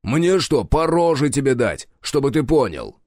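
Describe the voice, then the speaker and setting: A man's voice: mid-range voice, big pitch swings, normal speed, a little mellow, dry recording, studio quality, voice pushed up. A man voicing a stern adult male captain in an audiobook, curt and commanding. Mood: threatening. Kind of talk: audiobook character voice.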